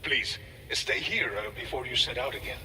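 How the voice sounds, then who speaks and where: An actor playing an earnest, grateful outpost staffer in a video game, speaking in a measured, formal way from a distance with reverb. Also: male voice, medium pitch, lively intonation, pushed and bright. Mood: earnest, concerned. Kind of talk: scripted video game dialogue. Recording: distant, long reverb, faint noise.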